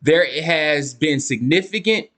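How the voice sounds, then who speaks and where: This YouTube case-file commentator is a young man whose high-ish voice sounds bright and forceful, with lively intonation and an unhurried pace. Talking slangily to viewers he calls y'all, he reads court documents aloud and trips over words along the way.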